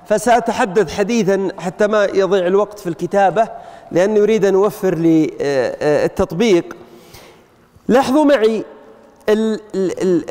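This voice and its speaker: A high-pitched man teaches grammar to a roomful of students. He often stops to put questions to them. His voice rings out with a long reverb, as in a large lecture hall. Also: darkish tone. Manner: asks the class rhetorical questions, frequent "ha" prompts.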